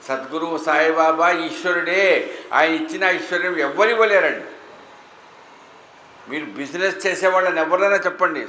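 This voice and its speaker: A man's voice: on the high side, pushed and bright, slight background noise. A man giving a devotional discourse to a gathered audience, asking rhetorical questions with emphasis. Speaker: religious speaker. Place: temple hall with an audience. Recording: echoey hall, faint ambience.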